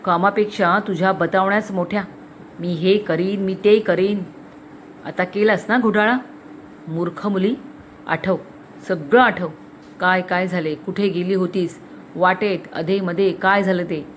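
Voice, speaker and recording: A woman's voice: lowish voice, fairly even intonation, unhurried, a little hiss or hum, close to an everyday voice, rough recording. Storybook father, middle-aged, stern, cold and harsh; woman narrator voices him. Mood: scolding.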